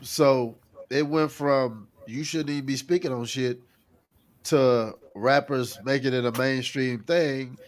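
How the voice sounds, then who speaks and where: A man talking casually as a podcast co-host, thinking out loud with many pauses and restarts. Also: medium pitch, steady tone. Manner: thoughtful, halting, lots of uh and restarts.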